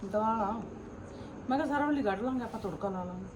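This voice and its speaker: A woman, a new mother, talking at home in short, matter-of-fact answers. Her pitch is ordinary, and the home recording is noisy behind her. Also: fast talker, darkish tone. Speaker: new mother, vlogger's wife. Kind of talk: casual home conversation.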